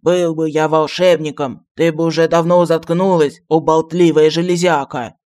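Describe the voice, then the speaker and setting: A man voicing a pompous, excitable old male genie who served as a royal astrologer, grandiose and quick to take offense, in an audiobook. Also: a little high, natural voice. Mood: indignant. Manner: grandiose and touchy, flares up fast.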